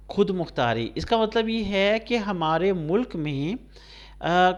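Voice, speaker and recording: A man from Pakistan teaching English to blind students, spelling words out letter by letter and translating them into Urdu. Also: high voice. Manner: slow, spelled-out dictation of words, switching between English and Urdu; addresses students by name, checks understanding. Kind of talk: recorded classroom lecture.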